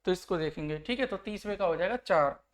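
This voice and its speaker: In an online exam-prep class, a man teaches grammar, constantly quizzing students to make sure they follow and acting out the example sentences. His voice is high-pitched, animated and slightly fast.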